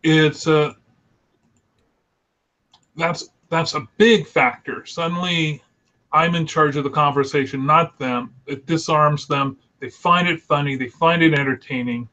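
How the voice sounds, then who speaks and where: A middle-aged man telling anecdotes on a video call, theatrical and quick, bursting into a showy one-breath phone greeting and laughing often. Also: fairly high pitch. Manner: animated anecdote teller who laughs often. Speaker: illustrator and show regular. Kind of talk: casual storytelling on a video call. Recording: slightly dull lo-fi call audio.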